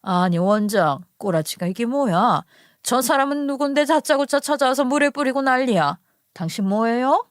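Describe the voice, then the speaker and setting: A woman's voice: fairly high pitch, animated, moderate pace, dry recording, studio quality, close to an everyday voice. A woman voicing a dignified, indignant older lady customer who speaks firmly, in a told story. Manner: indignant, firm.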